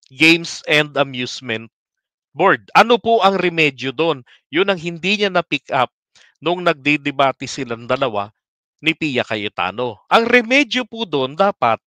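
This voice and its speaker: A man's voice: fairly high pitch, bright, forceful tone, clean tone, dry recording. A man giving casual political commentary to his viewers, politely asking them rhetorical questions and mixing in English words. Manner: polite, addresses audience respectfully.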